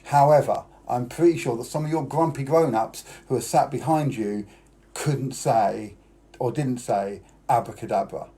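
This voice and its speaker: A mellow, medium-pitched male voice at an ordinary pace belongs to a British magician entertaining children over a live stream. He explains his tricks to the boys and girls and coaxes them to participate.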